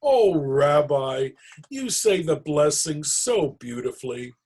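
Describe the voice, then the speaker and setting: Old storybook granny, acted by a man, kindly, chatty, fond scolding, husky, swooping pitch. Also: expressive, slow pace, darkish tone, full character voice. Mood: fond, welcoming. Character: kindly, chatty old grandmother hosting a holiday guest.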